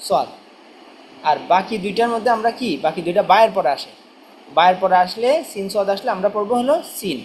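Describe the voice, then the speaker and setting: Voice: medium pitch, slight background noise, rough recording. Teacher drilling spelling. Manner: slow, repetitive letter-by-letter spelling and question-answer drilling. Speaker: Quran reading teacher.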